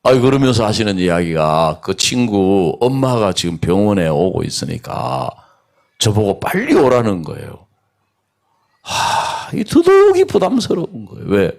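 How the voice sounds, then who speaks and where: Middle-aged pastor guy preaching outdoors, gravelly voice, storytelling that goes from hushed to loud. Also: on the low side, measured pace. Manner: animated storytelling that swings between hushed asides and raised emphasis. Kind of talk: sermon. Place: outdoor church service.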